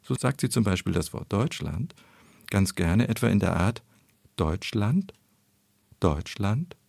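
A man explaining speech research in an interview, in a measured, analytical way. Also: sits low, creaky, a little mellow, no echo.

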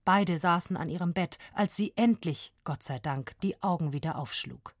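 A woman narrating a story in an expressive, lively storytelling voice. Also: on the low side, moderate pace, no room sound, clean studio sound.

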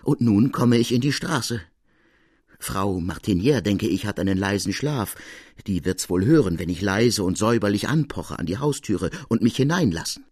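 Honest, shaken servant man, voiced by a male narrator, agitated and husky. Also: lowish voice, expressive, moderate pace, a little mellow, dry recording, studio quality.

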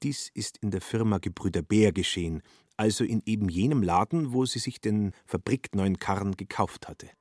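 Calm, low male narrator. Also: normal speed, dry recording, studio quality. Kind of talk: literary radio reading.

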